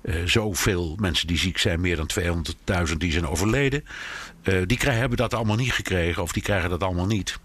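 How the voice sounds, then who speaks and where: A man giving measured, explanatory commentary in conversation, hesitating often as he thinks. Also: low-pitched, fairly bright tone, slight background noise. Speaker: commentator on American politics. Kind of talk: conversational analysis.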